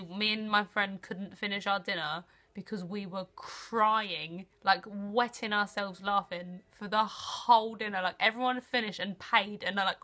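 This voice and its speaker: Young British female vlogger, bright forceful voice, mid pitch. Casual diary read-aloud, animated, giggly, acts out quotes. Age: young adult. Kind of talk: casual reading aloud from old journals with chatty asides.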